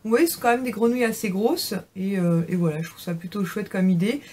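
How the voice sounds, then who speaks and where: A young woman in a casual haul video, chatting warmly about gifts, with many fillers and restarts. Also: medium pitch, lively intonation, a little fast, slight background noise. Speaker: beauty vlogger.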